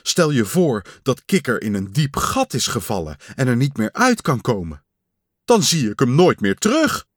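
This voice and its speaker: A man's voice: mid-range voice, sing-song, normal speed, no room sound, studio quality. A man doing a fretful male toad. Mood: worried. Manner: fretful, rising to loud cries. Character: anxious caring male toad.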